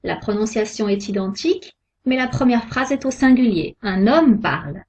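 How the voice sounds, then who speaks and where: A woman giving a scripted pronunciation lesson, sounding out each example word slowly and carefully. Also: on the high side, animated, a little mellow, breathy edge. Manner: slow, careful, deliberate articulation of example words. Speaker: French pronunciation teacher. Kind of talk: slow scripted lesson narration. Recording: dull lo-fi recording.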